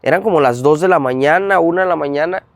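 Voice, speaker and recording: A man with a Mexican accent, a guest in an interview recounting a personal testimony in an animated way, acting out the dialogue. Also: on the high side, quick pace, no room sound. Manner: animated, acts out dialogue in retelling. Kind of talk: storytelling testimony.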